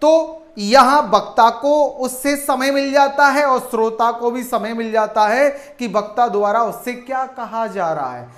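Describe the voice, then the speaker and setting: Slow, echoey Hindi grammar teacher man. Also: very high voice, fairly bright tone. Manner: addresses viewers as friends, asks and answers own questions. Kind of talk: online grammar lesson. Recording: echoey room.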